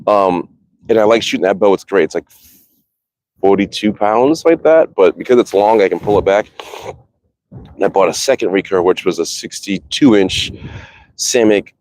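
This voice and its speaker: A man's voice: on the low side, animated, moderate pace, long pauses, darkish tone, a little hiss or hum. A man livestreaming outdoors about his bows, talking casually, rambling and swearing freely as he reads viewer comments. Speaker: archery livestreamer. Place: outdoors in a cold, windy backyard.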